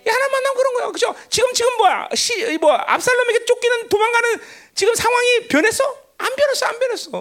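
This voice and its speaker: A woman pastor preaching a sermon in a lively, conversational way, joking with the congregation and often asking them "right?". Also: very high voice.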